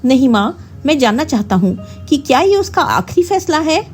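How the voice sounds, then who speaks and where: A woman's voice: high voice, big pitch swings, moderate pace, soft background music, voice pushed up. A woman voicing an earnest young husband who talks in a pleading way, in a storybook tale. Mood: upset.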